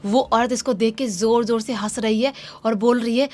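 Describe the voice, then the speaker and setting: A woman's voice: on the high side, fairly even intonation, moderate pace, darkish tone. A woman narrating a horror story in a casual way and acting out the dialogue of the people in it.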